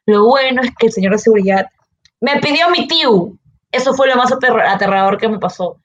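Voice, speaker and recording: A young woman with a Peruvian Spanish accent, a student telling an anecdote in a casual, animated way with frequent laughs. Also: on the high side. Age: young adult. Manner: animated, laughs often, quick asides. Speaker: engineering student, guest.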